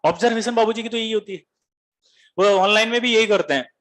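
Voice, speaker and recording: A man's voice: high-pitched, quick pace, fairly bright tone. A man from Bihar, a teacher giving a comic classroom lecture, quizzing students and telling stories with animation. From Bihar, India.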